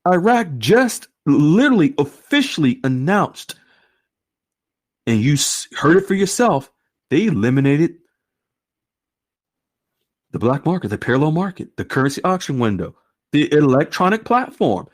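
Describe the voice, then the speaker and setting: A man hosting an online group call, animated and exclaiming often. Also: a little high, moderate pace, long pauses. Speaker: host.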